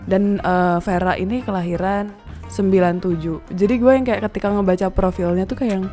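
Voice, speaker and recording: A woman, co-hosting a film review in casual, animated banter. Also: medium pitch, moderate pace, soft background music. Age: 20s. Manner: animated, laughs often, slangy Jakarta-style banter. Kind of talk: casual chat.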